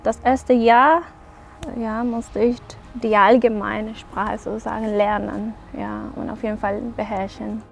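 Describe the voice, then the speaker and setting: A woman in her thirties from Costa Rica, an assistant doctor, speaking thoughtfully in a documentary interview and pausing to find words. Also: medium pitch, flat delivery, vocal fry, soft background music. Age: 30s.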